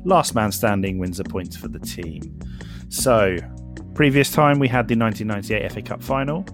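A man hosting a football quiz, reading clues in a measured, even way. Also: on the low side, music in the background. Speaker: quiz host.

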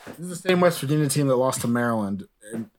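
A man co-hosting a casual sports podcast, animated and laughing often, with frequent "um"s. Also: medium pitch, fast. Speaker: podcast co-host.

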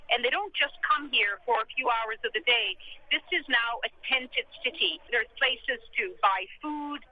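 A high-pitched woman reports live as a correspondent from a rooftop outdoors. Her delivery is measured and formal, describing things carefully. The sound is dull and lo-fi, with faint noise and loudspeakers behind her. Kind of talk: live news report in a two-way. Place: outdoors on a mosque rooftop above crowded streets. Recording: noisy lo-fi line, dull sound. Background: loudspeaker voices and street ambience.

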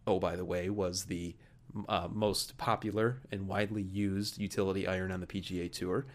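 A man in his thirties from the American Midwest hosting a golf podcast, chatting casually with many fillers in an office huddle room. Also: fairly low pitch. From Midwest of the United States. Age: 30s. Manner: chatty, frequent fillers and restarts. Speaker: podcast host. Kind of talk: casual interview and sponsor reads.

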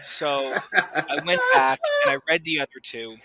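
A man's voice: medium pitch, measured pace, pushed and bright. A man co-hosting a podcast in casual, chatty style. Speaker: podcast co-host.

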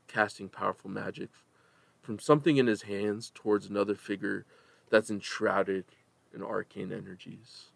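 Gravelly low-voiced man running a game. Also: a bit bright, dry recording. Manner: dramatic storytelling, pausing between phrases. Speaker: game master. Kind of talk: narrating a tabletop game.

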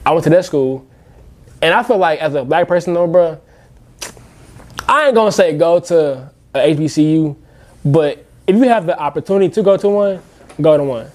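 A man's voice: a little high, moderate pace, long pauses, darkish tone. A man in his twenties from the United States chatting casually, slangy, profane, emphatic and repetitive. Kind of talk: casual profane group chat.

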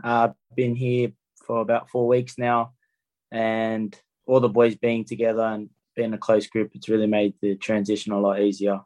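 A man's voice: on the low side, completely flat delivery, normal speed, darkish tone, rough recording. A young man with an Australian accent, a rugby player giving plain, understated answers in a casual interview. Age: young adult.

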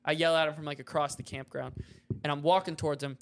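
A man's voice: on the high side, fast, creaky. A young man co-hosting a podcast, telling a story in a casual chat and acting out the other people's lines. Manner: animated storyteller, acts out voices and shouts in quotes. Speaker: podcast co-host.

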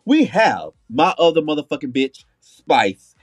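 A man's voice: on the high side, sing-song, a little slow, dry recording. A man co-hosting a podcast with casual, sassy drag queen banter, profane and campy, leaning hard on key words. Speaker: podcast co-host. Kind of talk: casual reality-show review banter.

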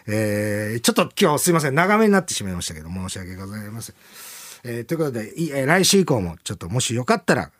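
A man's voice: medium pitch, big pitch swings, fast, a bit bright. A man hosting a radio after-talk, chatting casually and rambling with laughs between lines. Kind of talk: casual chat.

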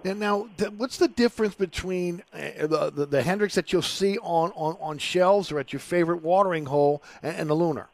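A man's voice: high voice, brisk, hardly any pauses. A man hosting a radio show, moving between sponsor reads and casual interview talk.

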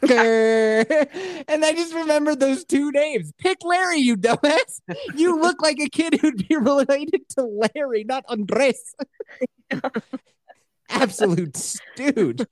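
A woman's voice: high voice, animated, slow, no room sound, clean studio sound. A woman telling a funny story in a casual chat, mocking herself and laughing often.

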